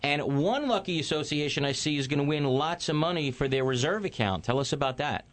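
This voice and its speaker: A man's voice: fairly high pitch, expressive, fairly quick. A man hosting a call-in radio talk show, addressing listeners and interviewing guests. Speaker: radio host, attorney.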